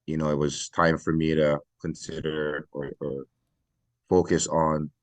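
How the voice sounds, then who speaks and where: Speaking with a very deep voice that barely moves in pitch, a retired fire battalion chief from Hawaii, a middle-aged man, gives a podcast interview. He is earnest and reflective, with many pauses, captured in a dry recording.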